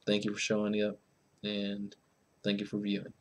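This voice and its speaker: A man with a fairly low voice introducing an act as host. He talks casually and rambles, stopping often on fillers. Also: monotone, normal speed. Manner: rambling, full of filler words. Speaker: show host.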